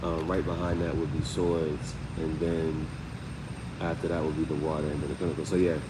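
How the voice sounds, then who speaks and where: Heavy background noise surrounds this tarot host's bass voice, which moves fairly quickly with little change in pitch. His live reading is chatty and rambling, and "you know what I'm saying" comes up again and again.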